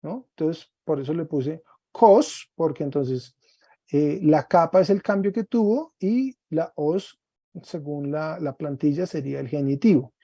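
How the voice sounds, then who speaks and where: A man teaching a Greek class online, explaining slowly step by step and often checking with "¿cierto?". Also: on the high side, animated, mellow, no echo, muffled recording.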